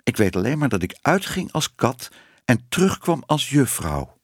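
A man voicing a young female cat turned into a woman, speaking meekly and pleadingly, raised in pitch, in a storybook reading. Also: very animated, moderate pace, no room sound, clean studio sound. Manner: meek and pleading.

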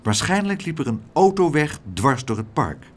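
A man reading a children's story aloud as narrator, in an expressive storyteller's way. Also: a little high, moderate pace.

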